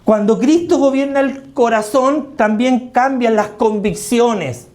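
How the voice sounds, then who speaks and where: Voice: mid-range voice, slow, darkish tone. A preacher delivering a sermon, repeating key phrases for emphasis and asking the congregation rhetorical questions. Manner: tells everyday stories with acted quotes.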